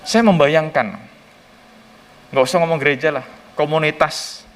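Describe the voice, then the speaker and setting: A male pastor preaching a sermon in a casual, colloquial way. He tells stories animatedly and acts out dialogue with sudden jumps in pitch. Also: a bit bright. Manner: casual colloquial Jakarta-style speech.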